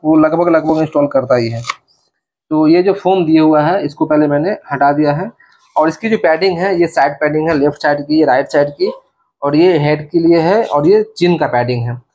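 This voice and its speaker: Indoors in a small bedroom, a young man vlogs a casual product installation demo, explaining each step to camera. His voice is fairly high yet has a darkish tone.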